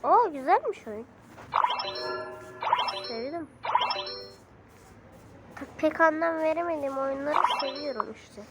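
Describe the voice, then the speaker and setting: A woman with a high voice talks her viewers through phone games, musing aloud and exclaiming at each setback. There is clear background noise behind her. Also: expressive, takes it slowly, pauses often. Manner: exclaiming, thinking out loud, easily frustrated. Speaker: vlogger playing phone games. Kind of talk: casual gaming chatter to viewers. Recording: noisy background ambience.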